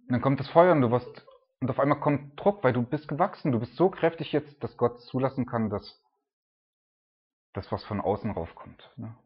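A man's voice: mid-range voice, expressive, normal speed, husky, muffled recording. A man reading scripture and then explaining it in a casual, talkative way, with many tag questions and fillers. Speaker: preacher. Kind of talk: Bible reading and devotional commentary.

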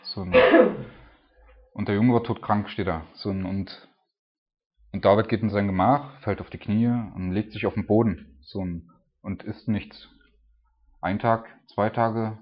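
A man retelling a Bible story in a casual, conversational way. He often ends his points with a questioning "ne?" and often lets his voice drop quiet. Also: fairly low pitch, steady tone, a little slow, muffled recording.

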